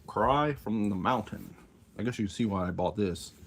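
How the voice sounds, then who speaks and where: Man, low-pitched, casual aside-heavy chatter around a cough drop; faint fan hum. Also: normal speed, creaky. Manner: muttering, musing aloud with many asides. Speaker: collector showing his tapes. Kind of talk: casual offhand commentary. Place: room at home with a fan running. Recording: faint fan noise behind.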